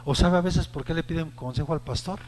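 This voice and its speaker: A man, a pastor with a Mexican Spanish accent, preaching a sermon to his congregation, rising to shouted peaks and acting out the voices he quotes. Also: fairly high pitch, a little fast, long reverb tail, slight background noise. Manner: addresses the congregation directly with call-and-response prompts.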